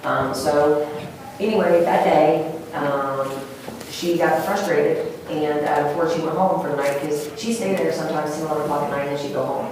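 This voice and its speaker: A woman's voice: sits low, steady tone, normal speed, recorded from a distance. A woman testifying in court, rambling and emotional, with many fillers. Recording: echoey courtroom heard from afar, noisy.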